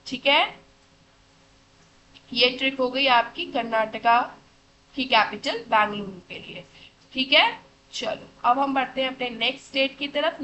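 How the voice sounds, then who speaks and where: On a rough recording with a little hiss or hum, a woman with a high-pitched, pushed, bright voice teaches a classroom lesson for children. She asks questions and answers them herself, fondly calling the kids "beta" and checking they follow with "theek hai."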